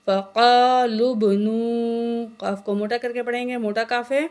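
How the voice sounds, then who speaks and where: Brief: woman Quran tutor, slightly high voice, spells letters, recites slowly, explains fast. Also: steady tone. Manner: quick explanations with "ٹھیک ہے؟" checks. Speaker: Quran reading teacher.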